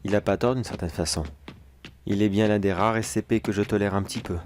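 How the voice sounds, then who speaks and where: A man's voice: lowish voice, fairly even intonation, brisk, a little mellow, a little hiss or hum, lightly acted. A man playing a casual security major. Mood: musing. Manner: casual, musing, talks to himself. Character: weary male security major, casual and self-assured. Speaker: security agent. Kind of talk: horror audio drama.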